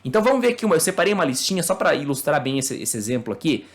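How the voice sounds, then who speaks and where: With a fairly high, sing-song voice, a Brazilian English teacher, a native Portuguese speaker, runs a relaxed online lesson. He takes his explanations slowly, sprinkling in fillers and tag questions to check his listeners are following.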